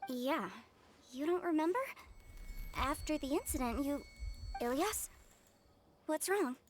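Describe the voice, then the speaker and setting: High-voiced caring young sister. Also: female voice, animated, slow, faint music behind. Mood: concerned, gentle. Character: caring younger woman, a man's supportive sister. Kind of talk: video game voice acting.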